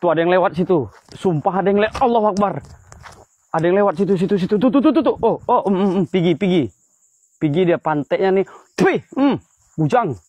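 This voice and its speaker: A man's voice: high voice, a little fast, pauses often, darkish tone, dry recording. A man hunting ghosts in a cemetery at night, exclaiming as he points things out, recorded on a phone. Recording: slightly dull lo-fi phone audio.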